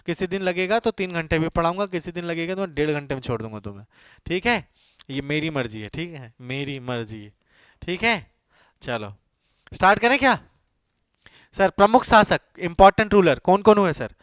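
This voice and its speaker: A man's voice: high-pitched, expressive, a little fast, fairly bright tone, smooth, no room sound, studio quality. A man giving an exam-prep coaching lecture in a classroom. He keeps quizzing his students with repeated questions, answers them himself, and mixes English phrases into his talk. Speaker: coaching teacher.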